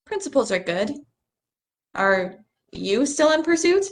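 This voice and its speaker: A woman's voice: fairly high pitch, very animated, unhurried. A young woman acting an earnest, bookish stargazer in a stage play reading, a little apologetic as she explains things. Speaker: actor in a rehearsed play reading.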